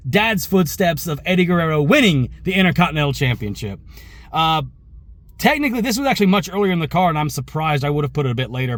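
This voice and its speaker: Speaking conversationally to his audience, a wrestling reaction show host shares his opinions, wandering off on tangents and fixing his own words as he goes. His voice is fairly high with a slight hoarseness. The sound is close and dry, without any room sound.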